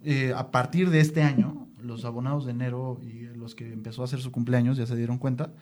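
A man with a Mexican accent, a sports club guest on a casual podcast, joking and animated. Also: mid-range voice, fairly quick. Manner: joking, animated, self-mocking.

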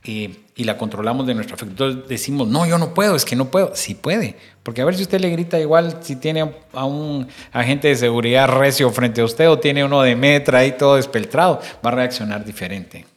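A man's voice: mid-range voice, a little fast, few pauses. Middle-aged male host, preachy. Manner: preachy, addresses listener directly, acts out little quotes.

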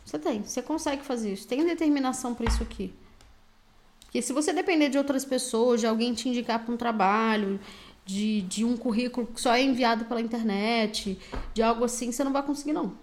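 A woman's voice: on the high side, quick pace. A woman with a Brazilian Portuguese accent giving an intuitive tarot reading. She talks bluntly and directly, with slang, like a pep talk. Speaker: tarot reader.

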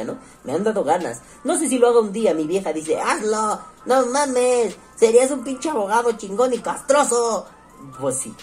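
A man's voice: fairly high pitch, dark tone. A man with a Mexico City accent rambles casually to his audience, swearing freely and slipping into slang. He acts out other people's voices as he talks, with faint music in the background. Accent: Mexico City Spanish. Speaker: online show host reading comments. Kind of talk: casual profane monologue.

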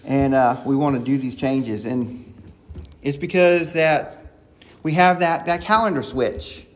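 A man preaching a sermon, excited and quick, with frequent restarts and repeated words. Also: medium pitch. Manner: excited, talking fast with many restarts.

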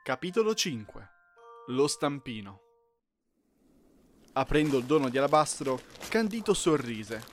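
A man narrates a children's fairy tale in a scripted audiobook style. His voice moves freely up and down, and he tells the story expressively at a mid pitch. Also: very animated, a little slow, pauses often, faint music behind.

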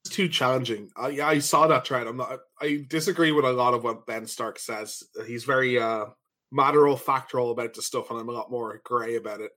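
Male podcast co-host, mid-pitched, playful and jokey, casual banter. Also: steady tone, a little fast. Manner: joking, laughs often, playful mock shouting. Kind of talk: casual chat.

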